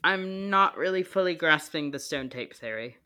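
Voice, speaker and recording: A young man co-hosting a casual podcast, with dry, deadpan quips. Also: on the high side, moderate pace, clean tone. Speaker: podcast co-host.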